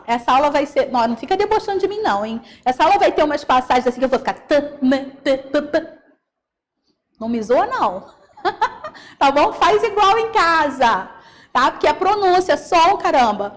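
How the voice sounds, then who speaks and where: Woman, Carioca accent, high voice, teacher explaining a lesson, checks in with students. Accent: Carioca Brazilian Portuguese. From Rio de Janeiro, Brazil. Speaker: Portuguese teacher. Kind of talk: recorded class lecture.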